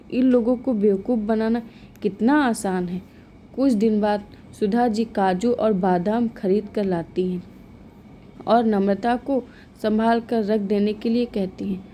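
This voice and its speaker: Woman storyteller, calm scripted narration, slow and mellow. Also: medium pitch, a little hiss or hum.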